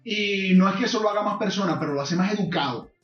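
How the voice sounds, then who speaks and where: Venezuelan man, high voice, roomy sound. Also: fast. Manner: animated storyteller, swears freely, acts out quoted lines. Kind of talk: casual chat. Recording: roomy, distant, dull sound.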